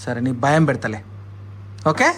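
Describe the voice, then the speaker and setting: A man's voice: mid-range voice, very animated, moderate pace, fairly bright tone. A father, chatting at home with his toddler, coaxing and scolding by turns and repeating words for her. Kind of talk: casual family chat with a toddler.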